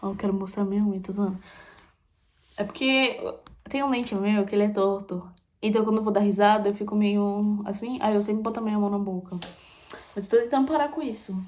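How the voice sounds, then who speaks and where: A young woman from Brazil chatting candidly in a casual vlog, repeating phrases and dropping into soft asides. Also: medium pitch, fairly even intonation, fairly quick. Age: young adult. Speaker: vlogger. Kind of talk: casual confessional chat.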